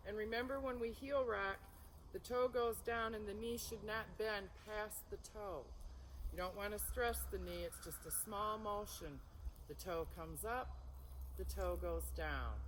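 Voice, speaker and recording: A woman instructor giving calm, soothing tai chi cues in short, unhurried phrases that guide movement and breath. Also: mid-range voice, slight background noise, rough recording.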